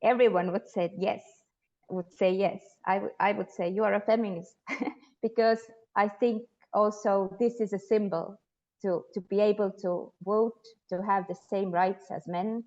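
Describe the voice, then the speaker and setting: A woman's voice: mid-range voice, steady tone, measured pace, darkish tone, lo-fi sound. A woman from Estonia, a guest sociologist answering interview questions thoughtfully with frequent hesitations. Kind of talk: interview conversation.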